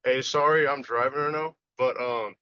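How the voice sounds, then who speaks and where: A man calling in to a class on the phone while driving his car, apologetic and hurried. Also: medium pitch, steady tone, pushed and bright, clean tone, no room sound. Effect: phone call from a driving car. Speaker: student calling in. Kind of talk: casual call-in. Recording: thin phone line.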